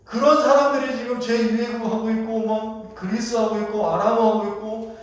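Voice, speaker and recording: A man's voice: sits high, fairly even intonation, fairly quick. Male pastor, sermon, questions to the congregation, distant mic, very echoey hall. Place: church sanctuary. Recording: echoey church hall from far off.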